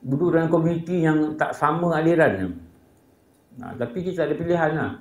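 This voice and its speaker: A man's voice: fairly high pitch, a little fast. A man with a Malaysian Malay accent giving a casual religious lecture, telling humorous anecdotes and acting out the voices of people in them. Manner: humorous storytelling, acts out voices of people in his stories. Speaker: religious teacher. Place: prayer hall. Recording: echoey prayer hall.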